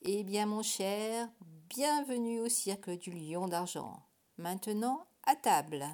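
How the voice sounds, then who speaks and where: A graceful young circus horsewoman from a storybook, as a woman reader plays her. She speaks slowly and graciously, with a warm, elegant welcome. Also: mid-range voice, expressive.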